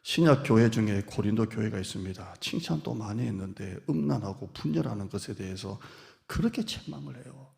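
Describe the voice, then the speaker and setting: A man pastor preaching a sermon in a lively, playful way, acting out quoted speech and teasing the congregation. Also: lowish voice, brisk, vocal fry. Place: church sanctuary. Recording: long hall reverb.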